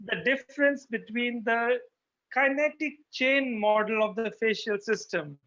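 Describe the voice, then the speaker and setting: A moderator speaking in a formal, courteous, measured way while thanking a presenter and putting questions. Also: medium pitch, a bit bright, muffled recording. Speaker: host, moderator.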